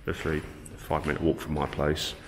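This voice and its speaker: Deep-voiced man in echoey warehouse. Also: monotone, fast. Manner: chatty, swears casually, talks to his friend while filming. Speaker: urban explorer vlogger. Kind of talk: casual walk-and-talk narration. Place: large empty abandoned print works indoors. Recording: echoey warehouse with background noise.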